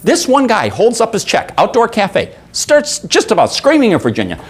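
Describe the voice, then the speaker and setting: A man training a room of workers, telling anecdotes with lively acted voices and quizzing the audience. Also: high-pitched, moderate pace, husky. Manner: animated storyteller, acts out voices, asks the audience. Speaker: sales trainer. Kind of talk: seminar talk with acted anecdotes.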